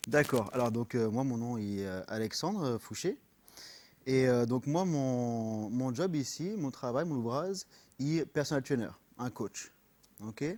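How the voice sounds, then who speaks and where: Earnest French-accented man, halting speech. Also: mid-range voice, a little mellow. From France. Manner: earnest, halting, many fillers, mixes in English. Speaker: personal trainer, guest. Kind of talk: radio interview.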